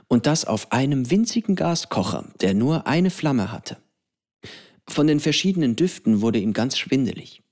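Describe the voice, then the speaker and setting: A man reading a children's novel aloud as an audiobook, in a calm, even storytelling manner. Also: mid-range voice. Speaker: narrator.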